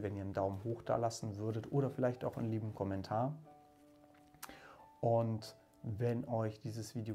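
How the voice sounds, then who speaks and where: Man, audiobook reader, calm, measured, warm dark timbre, faint music behind. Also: lowish voice. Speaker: reader and channel host. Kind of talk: audiobook reading.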